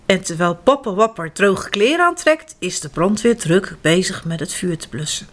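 A woman reading a children's story aloud, expressive and animated. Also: mid-range voice, moderate pace. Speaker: narrator.

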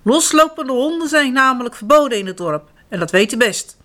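A woman's voice: on the high side, lively intonation, moderate pace, a bit bright, clean tone. A woman voicing a grumpy, strict male village police officer who scolds. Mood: stern. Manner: stern and scolding.

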